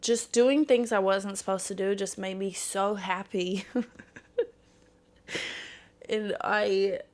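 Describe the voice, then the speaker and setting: A woman's voice: medium pitch, fairly even intonation, takes it slowly. A woman in her thirties hosting a casual solo podcast, talking candidly, swearing freely and laughing often. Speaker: podcast host.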